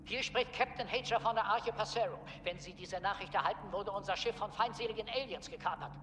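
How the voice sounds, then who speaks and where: Ship captain's distress message over the comm, high pitched, far off and echoey, hiss behind it. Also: male voice, fairly quick, a crowd in the background. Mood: urgent. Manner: urgent, formal report. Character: male ship captain sending a distress call. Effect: recorded distress message over a ship's comm. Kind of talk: video game voice acting. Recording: distant, echoey comm playback with noise.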